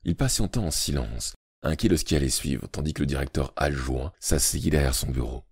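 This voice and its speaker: A man reading an audiobook aloud with expressive, dramatic storytelling narration. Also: rumbling low, a little fast, breathy edge, no echo, clean studio sound.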